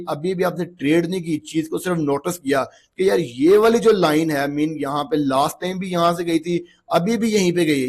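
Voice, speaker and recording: A man with a somewhat higher voice than most, sounding a little hoarse after a long day of talking. He explains charts in a loose, conversational way and keeps checking in with the listener. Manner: chatty, repeats checks like "okay ji" and "look". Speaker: trading instructor. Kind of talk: casual screen-walkthrough lesson.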